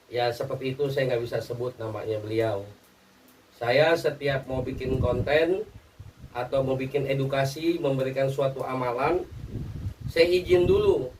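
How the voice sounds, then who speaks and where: A man teaching religious practice in a relaxed, conversational way, often pausing on "ya" and "nah" and checking that listeners follow. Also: medium pitch. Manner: conversational, with frequent "ya" and "nah" fillers. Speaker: Islamic spiritual teacher. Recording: distant mic with faint background noise.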